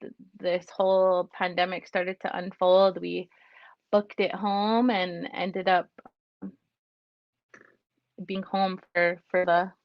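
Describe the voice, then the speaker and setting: A woman from North Dakota, a PhD student, introducing herself in a relaxed way over a video call. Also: fairly low pitch, no echo. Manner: laughing, relaxed, slow. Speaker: guest speaker and PhD student. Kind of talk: informal self-introduction. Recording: dull lo-fi dry sound.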